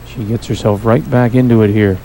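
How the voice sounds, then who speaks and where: A man's voice: lowish voice, fairly even intonation, a little fast, vocal fry. A man hosting and calling a bowling match in a play-by-play style. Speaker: play-by-play sports host. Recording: noisy broadcast with loud crowd. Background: crowd and bowling alley noise.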